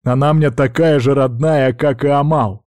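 A man doing a tormented djinn lord in an audiobook, loud and urgent, breaking into desperate, pleading outbursts. The voice stays mellow and dark underneath, recorded close and dry. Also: mid-range voice, steady tone, normal speed, no room sound, pitched above the performer's own voice, close to an everyday voice. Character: anguished, hot-tempered male lord of the djinn.

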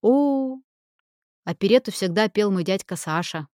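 A woman's voice: mid-range voice, lively intonation, unhurried, darkish tone, dry recording, studio quality, close to an everyday voice. A woman reading an audiobook and voicing a blunt, teasing young woman naturalist.

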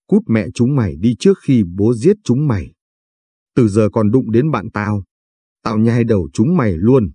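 A man reads out a tough young woman with a filthy mouth, bossy and threatening as she barks at people. The voice sits low and husky, with a dark, mellow tone. The recording is dry and close. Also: sing-song, moderate pace, dry recording. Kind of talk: audiobook reading.

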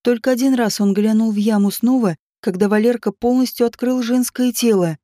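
A woman narrates a story in a steady, even manner. Her voice sits a little high yet sounds mellow and soft-edged, recorded close and dry with no room around it. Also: fairly quick, dry recording. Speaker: audiobook narrator. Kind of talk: scripted narration.

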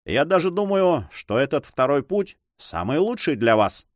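A man's voice: fairly high pitch, sing-song, moderate pace, dry recording, studio quality, pitched above the performer's own voice. A man voicing a courteous, gracious marquis in an audiobook. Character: noble marquis, gracious and cheerful.

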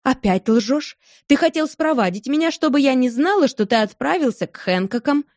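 A woman's voice: high voice, expressive, normal speed, darkish tone, no echo, studio quality, pitched above the performer's own voice. A woman reading an audiobook, voicing a capricious young wife who pleads and reproaches in a raised voice. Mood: reproachful. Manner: pleading, reproachful, playful turning angry. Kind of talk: audiobook character voice.

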